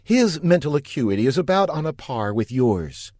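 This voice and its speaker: A man's voice: medium pitch, very animated, moderate pace, a little mellow, dry recording, studio quality, pitched above the performer's own voice. A man voicing a bossy, sarcastic female secret agent with a raised voice and a curt, scornful manner. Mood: scheming.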